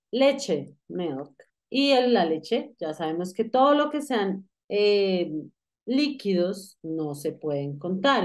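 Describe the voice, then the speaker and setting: A woman teaching an English grammar lesson, explaining patiently and asking the student questions as she goes. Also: mid-range voice. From Colombia.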